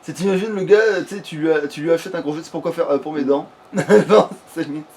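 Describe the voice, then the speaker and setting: A let's player gives crude, swear-filled, improvised video game commentary in a casual style. His voice is fairly high, fast and darkish in tone, over a clearly noisy background.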